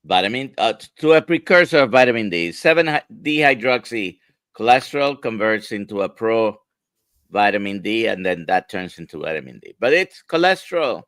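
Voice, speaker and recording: A man co-hosting a live health show, his low voice smooth and resonant on a close, dry mic. He lays out facts plainly and patiently. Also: expressive, fairly quick, a bit bright, dry recording. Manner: explanatory, factual. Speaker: co-host doctor. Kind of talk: casual livestream talk.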